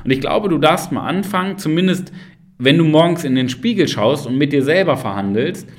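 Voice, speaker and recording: A man's voice: fairly high pitch, expressive, brisk. A man hosting a motivational podcast, talking straight to the listener, firing rhetorical questions and tagging on "ja?" and "ne?". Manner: addresses the listener directly with frequent tag questions. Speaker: podcast host and coach.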